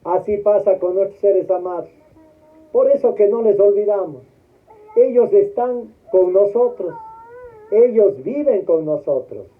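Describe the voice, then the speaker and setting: A man's voice: high-pitched, unhurried. A man giving a memorial homily as a priest, putting questions to the congregation and waiting for them to answer. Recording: tinny phone-like sound.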